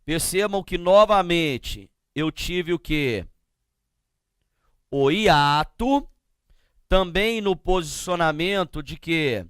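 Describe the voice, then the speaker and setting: A man teaching a grammar lesson, explaining slowly and often asking the class to check they follow. He speaks with a Brazilian Portuguese accent. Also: a little high, expressive, clear, resonant tone, dry recording, clean studio sound. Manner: slow, drawn-out explanations with frequent checking questions.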